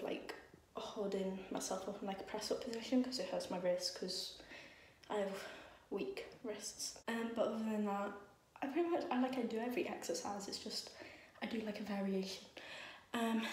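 A woman's voice: medium pitch, a little mellow. A young woman vlogging casually from her bedroom, rambling with lots of "like" and "um". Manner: chatty, rambling, many fillers like "like" and "um". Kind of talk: casual vlog chat. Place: bedroom at home. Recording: echoey room, faint noise.

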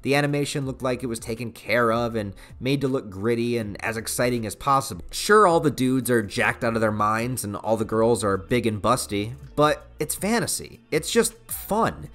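Over background music, this video reviewer, an American man in his thirties, gives a casual, opinionated take in an enthusiastic, slangy, informal style. His medium-pitched voice is expressive and a bit bright, moving at normal speed with hardly any pauses.

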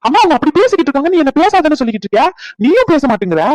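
A man's voice: very high voice, big pitch swings, very fast, a little mellow, dry recording. A man voicing a frustrated young groom protesting his family's harsh words in a cartoon. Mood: exasperated. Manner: exasperated, protesting. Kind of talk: cartoon voice acting.

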